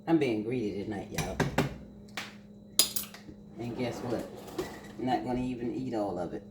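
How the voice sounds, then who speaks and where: Older lady cooking at home, talks slow and hums over her food, echoey kitchen, pots clanking. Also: very deep voice, heavy background noise. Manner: chatty, savoring food with hums. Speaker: cooking vlogger. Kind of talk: casual cooking vlog. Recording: echoey kitchen with clattering dishes.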